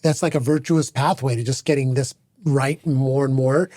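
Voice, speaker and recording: A man's voice: medium pitch, steady tone, moderate pace, a little mellow, no echo, studio quality. A man hosting a casual interview. He is affirming and curious and asks follow-up questions. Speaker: podcast host.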